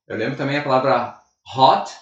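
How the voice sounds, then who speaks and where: A man's voice: medium pitch, fairly quick, reverberant, distant mic, dull audio. A man from Brazil, an English teacher chatting on a podcast and rambling with many restarts. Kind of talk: casual classroom-style chat.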